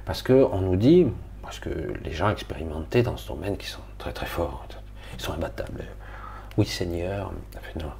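A middle-aged man from Marseille, rambling casually and colloquially to viewers of his spiritual live stream. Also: deep voice. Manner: rambling, colloquial, swears, talks to viewers directly.

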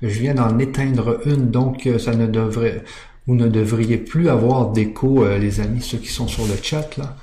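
Male host on a video call, relaxed tech helper, echoey room sound. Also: medium pitch, moderate pace. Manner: helpful, talking through tech steps. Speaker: host of the live stream. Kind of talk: casual chat, live stream. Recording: roomy echo on a call.

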